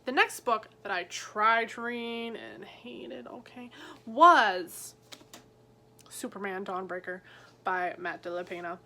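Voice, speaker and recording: A woman chatting casually about books she read, full of "like" and quick asides. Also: mid-range voice, bright, forceful tone. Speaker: book vlogger. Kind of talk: casual book review chat. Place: at home on her bed.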